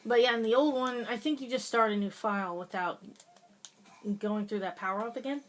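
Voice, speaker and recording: A woman's voice: a little high, brisk. A woman giving casual, chatty commentary over her gameplay, laughing often and hesitating with many fillers. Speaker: gaming video host.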